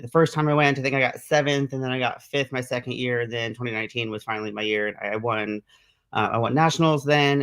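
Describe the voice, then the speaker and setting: A man, a strength athlete, talking as a guest on a casual video call interview in a relaxed, matter-of-fact way. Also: mid-range voice. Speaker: pro strongman athlete, guest.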